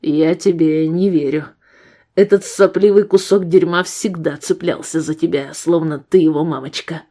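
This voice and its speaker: A woman's voice: deep voice, steady tone, moderate pace, dark tone. A woman reading the lines of a brutal, threatening male ex-convict gunman in an audiobook, barking coarse threats. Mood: menacing.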